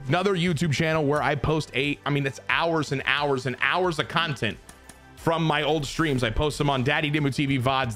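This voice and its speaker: A young man giving excited commentary over his own baseball video game, muttering one moment and shouting the next. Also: medium pitch. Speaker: gaming YouTuber. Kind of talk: live gameplay commentary.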